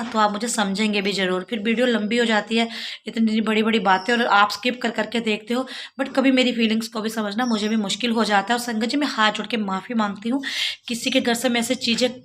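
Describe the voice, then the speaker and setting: A woman's voice: fairly high pitch, fairly even intonation, a little fast, fairly bright tone. A middle-aged woman from Jammu with a sore throat, talking earnestly to her viewers in a casual devotional vlog, pleading and explaining. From Jammu, India. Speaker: devotional vlogger.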